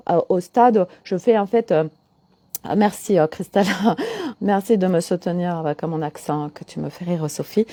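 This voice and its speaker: Middle-aged woman, holistic coach, chatty live-stream host who keeps answering comments; mellow tone, dry close sound. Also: lowish voice, no room sound. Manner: chatty, answers viewers' comments as she talks. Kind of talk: casual live stream chat.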